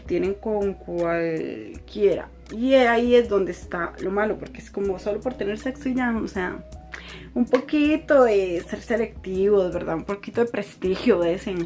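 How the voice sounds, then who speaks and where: A young woman with a Costa Rican accent telling a personal story in a chatty, animated way, laughing often. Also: mid-range voice, a little slow, soft background music. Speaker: vlogger. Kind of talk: casual storytime.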